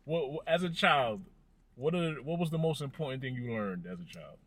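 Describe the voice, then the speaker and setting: A man's voice: medium pitch, lively intonation, normal speed, a bit bright, no echo. A man co-hosting a podcast, interviewing in casual talk from a car, asking probing questions and often repeating words. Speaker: podcast co-host.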